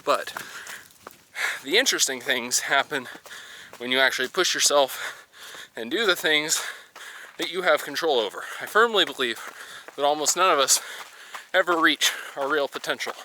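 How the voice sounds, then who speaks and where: A man's voice: fairly high pitch, normal speed, pauses often, sharp tone, slight background noise. A man talking casually to camera while running outdoors on a mountain trail, as in a personal vlog. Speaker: running vlogger.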